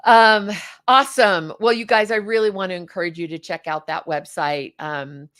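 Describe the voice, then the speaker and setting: Woman host, effusive chat, lowish voice, dry close mic. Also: fairly even intonation, moderate pace, a bit bright, no echo. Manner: chatty, effusive, many fillers. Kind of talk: casual online show hosting.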